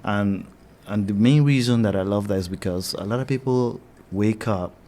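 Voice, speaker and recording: A man's voice: lowish voice, moderate pace, mellow. A man hosting an interview, talking in an encouraging, affirming way to his guest. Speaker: interview host. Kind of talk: interview conversation.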